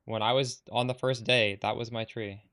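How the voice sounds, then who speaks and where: A man's voice: mid-range voice, steady tone, normal speed, a bit bright, smooth. A man live-streaming a game, talking bluntly and with some exasperation as he answers chat, swearing casually.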